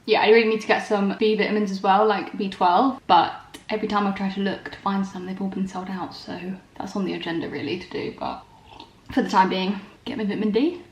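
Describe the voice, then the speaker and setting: A woman's voice: mid-range voice, steady tone, a little fast, husky. A young woman vlogging casually from her bedroom, rambling and self-deprecating as she chats. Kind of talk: casual vlog chat. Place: bedroom at home.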